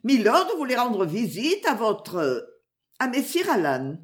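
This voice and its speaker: A woman's voice: wildly swooping pitch, slow pace, heavily acted. A woman reader voicing a young lady's maid who sobs in fright and turns pert and teasing, in a storybook reading. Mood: nervous explaining. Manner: high sobbing cries, pert.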